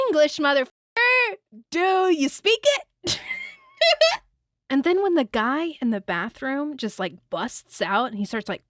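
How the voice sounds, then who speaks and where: A woman hosting her own podcast, reviewing a movie in casual, animated talk with frequent swearing and laughter. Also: medium pitch, no room sound, clean studio sound. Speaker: podcast host.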